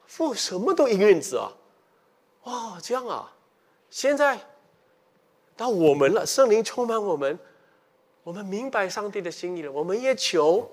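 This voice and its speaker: A middle-aged male pastor preaching a sermon, swinging from quiet stretches to emphatic ones and constantly putting questions to the congregation. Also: on the high side.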